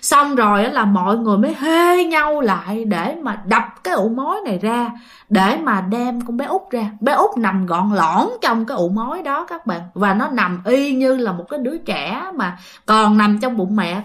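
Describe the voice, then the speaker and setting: A woman's voice: on the high side, animated, moderate pace, a bit bright. A woman with a Southern Vietnamese accent telling a ghost story in a chatty, dramatic way, often addressing her listeners directly. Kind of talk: casual spoken storytelling.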